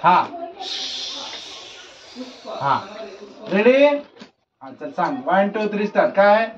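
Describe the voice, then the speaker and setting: A woman teacher running an alphabet quiz with a class of young children, giving brisk commands and telling them to speak up. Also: mid-range voice, sing-song. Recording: dull lo-fi recording in a noisy classroom. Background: children chattering.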